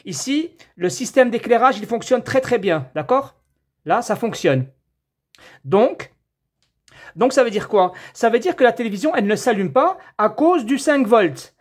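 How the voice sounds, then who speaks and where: Chatty husky man explaining a repair. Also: extremely high pitch, sing-song, measured pace. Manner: chatty, talks to viewers as friends, thinks aloud while measuring. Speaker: TV repair technician. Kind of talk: casual hands-on repair tutorial.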